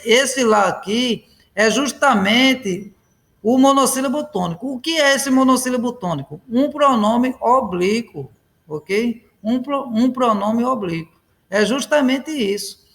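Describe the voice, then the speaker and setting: A man's voice: very high-pitched, fairly bright tone. A man teaching a grammar lesson, repeating each point and checking in with his students. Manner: keeps checking in with "ok?" and "pessoal".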